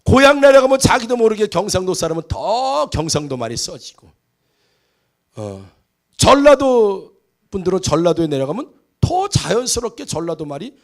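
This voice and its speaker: A middle-aged male pastor preaching a Sunday sermon, animated and storytelling, lightening it with humorous anecdotes. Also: sits high, gravelly. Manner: animated storytelling, mimics voices in jokes. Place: church sanctuary.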